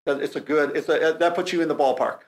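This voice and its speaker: Male guest, product rep, slightly high voice, explains with playful analogies. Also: fast. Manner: explains with a sports analogy, joking. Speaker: company representative guest. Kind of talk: casual interview.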